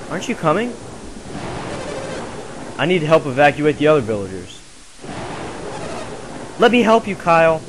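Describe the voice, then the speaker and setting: A man reading the lines of protective village parents in an urgent, instructing tone, in a hissy home recording. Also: a little high.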